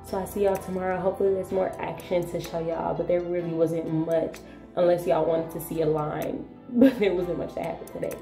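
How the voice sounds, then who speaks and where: A woman's voice: fairly low pitch, fairly even intonation, fairly quick, mellow, faint music behind. An American woman in her twenties recapping her day casually to camera for a vlog. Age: 20s. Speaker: vlogger. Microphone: camera a short distance away. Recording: echoey small tiled room.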